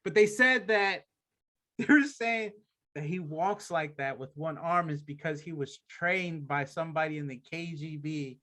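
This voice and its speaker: A man's voice: fairly high pitch, measured pace, bright, forceful tone. A man co-hosting a podcast in laid-back, profane banter. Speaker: podcast co-host. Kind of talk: casual chat.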